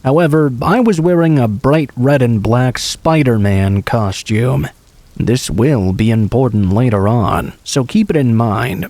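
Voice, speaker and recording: A man reading true scary stories aloud in the first person, in an even storytelling way. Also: medium pitch, unhurried, no room sound. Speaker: horror story narrator.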